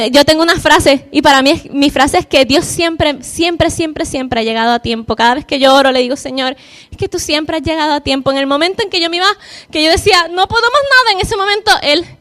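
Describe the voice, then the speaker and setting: A woman tells her faith testimony to a gathering. Her voice sits very high, and she speaks from the heart, stressing points by repeating words. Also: a little fast, a bit bright. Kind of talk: personal testimony to an audience.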